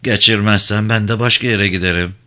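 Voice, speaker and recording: A woman's voice: rumbling low, steady tone, brisk, pushed and bright. A man voicing a poor barefoot old village woman in her fifties who is searching for her son, speaking in an earnest, pleading way in a storybook reading. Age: 50s.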